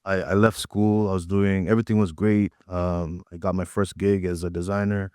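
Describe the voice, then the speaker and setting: Deep-voiced Tanzanian-born man. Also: moderate pace, smooth, no room sound, clean studio sound. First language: Swahili. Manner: reflective, relaxed, with frequent fillers. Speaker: guest artist. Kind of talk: casual interview storytelling. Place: art gallery.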